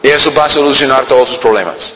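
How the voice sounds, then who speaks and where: A man's voice: mid-range voice, quick pace, a bit bright. A man teaching a Bible class in a church hall, joking and firing rhetorical questions at his listeners. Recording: long hall reverb.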